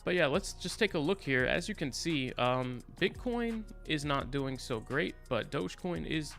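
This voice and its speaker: A man's voice: fairly high pitch, animated, moderate pace, gravelly, fairly bright tone. Casual man live-streaming over background music. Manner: informal, conversational, addresses viewers directly. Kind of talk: casual live market commentary, chatting with viewers. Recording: music playing behind the voice.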